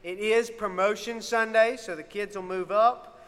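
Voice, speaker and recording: Male youth minister, upbeat and informal, high-pitched, giving announcements in a reverberant church hall. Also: steady tone, unhurried, a bit bright, smooth. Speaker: youth minister and worship music helper. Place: church sanctuary, amplified. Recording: echoey hall with long reverb.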